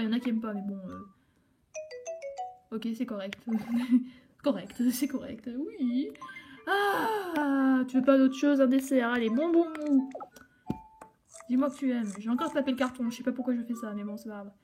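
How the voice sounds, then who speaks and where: High-voiced chatty young woman gamer. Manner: animated, rambling, self-talking with giggles. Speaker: gaming channel host. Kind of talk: chatty let's play commentary.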